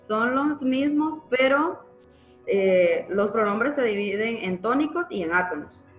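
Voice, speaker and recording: A woman's voice: on the high side, expressive, unhurried, soft background music. Patient woman teacher in a roomy room. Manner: patient explaining, frequent tag questions. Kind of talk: live online grammar class. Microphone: computer mic in a live online class.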